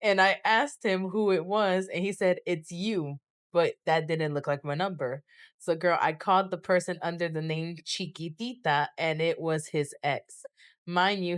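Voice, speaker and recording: A woman's voice: on the low side, clear, resonant tone, dry recording, studio quality. A young woman co-hosting a podcast, telling stories in a casual chat and laughing often. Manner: animated storytelling, laughs often. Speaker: podcast co-host.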